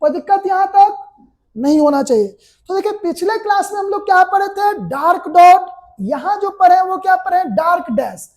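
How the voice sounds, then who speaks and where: Her very high, slightly mellow voice carries lively intonation as she lectures a shorthand class. She has an Indian Hindi accent, breaks the material into steps, and fires off quick questions to the students.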